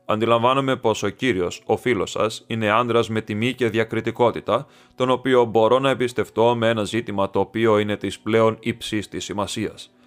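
A man voicing an imposing masked foreign nobleman who speaks formally and gravely. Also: fairly low pitch, fairly even intonation, lightly acted. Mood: grave, secretive. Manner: formal, stately, measured speech.

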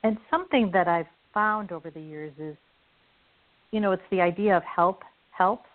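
A woman with a Midwestern accent hosting a conversation, telling a personal story in an earnest, animated way. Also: fairly low pitch, moderate pace. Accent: Midwestern American. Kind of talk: conversational interview. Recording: phone-like lo-fi line.

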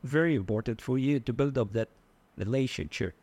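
A man with an Egyptian Arabic accent, explaining word meanings in a conversational language lesson, in halting, piecemeal phrases. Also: medium pitch, darkish tone, dry recording. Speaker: Arabic dialect co-teacher.

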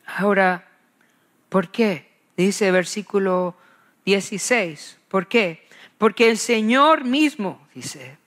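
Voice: mid-range voice, animated, slow pace, fairly bright tone. A preacher giving an expository Bible sermon, emphatic, repeating key phrases and asking rhetorical questions.

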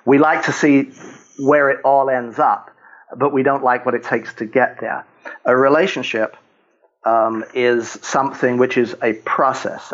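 An older man speaks as a guest on a faith talk show, walking through his points one by one. He tells short stories and chuckles as he goes. His voice sits at an ordinary pitch and comes through dull, lo-fi audio. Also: a bit bright. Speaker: guest author.

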